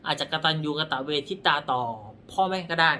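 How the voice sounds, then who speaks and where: Brisk and sharp-toned, a fairly high-pitched man reads palms and explains in a loose, blunt way, revising what he says and pointing to his own hand, his throat dry. The recording carries slight hiss or hum.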